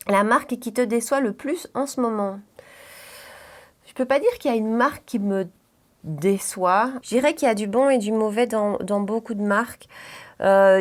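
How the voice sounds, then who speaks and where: Young Belgian woman, beauty vlogger, casual Q&A chat, filler-heavy and friendly-paced. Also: on the high side. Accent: Belgian French, Brussels area. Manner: chatty, many fillers like "euh, voilà". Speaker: beauty YouTuber. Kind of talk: casual Q&A chat while doing makeup.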